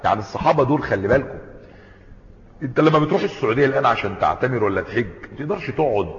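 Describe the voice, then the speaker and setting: A man's voice: medium pitch, animated, rapid-fire. A man with an Egyptian Arabic accent giving a religious lesson, moving between formal recitation and colloquial explanation, and putting rhetorical questions to his listeners. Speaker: sheikh teaching a creed commentary. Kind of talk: lecture-style religious lesson. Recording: echoey hall, dull lo-fi sound.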